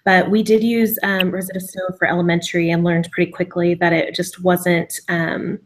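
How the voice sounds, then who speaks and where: A woman teacher in a casual online discussion, explaining in a measured way with frequent fillers. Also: fairly low pitch, little pitch movement. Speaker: teacher in a book club chat.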